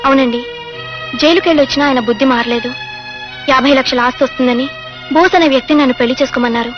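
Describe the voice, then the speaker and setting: An actress playing an eager young newlywed wife in a comedy film, talking quickly and pleadingly. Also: female voice, sits high, close to an everyday voice. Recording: dull film audio with music.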